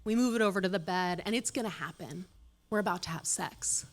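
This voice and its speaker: On a comedy club stage before a live audience, a woman in her late thirties does stand-up, landing dry, self-deprecating punchlines. Her voice is on the low side and she talks a little fast.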